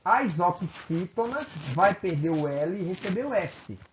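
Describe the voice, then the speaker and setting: A man's voice: high voice, lively intonation, unhurried. A Brazilian man teaching a recorded grammar video lesson, explaining step by step, often checking in with his students and correcting himself as he goes. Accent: Brazilian Portuguese. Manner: self-correcting, repeats phrases. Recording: echoey room, muffled lo-fi sound with faint hiss.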